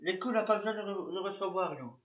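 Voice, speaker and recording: A man's voice: high voice, quick pace. A man narrating and playing a police officer, talking hesitantly with many fillers and repeats. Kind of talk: amateur reenactment of police patrol. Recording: echoey room.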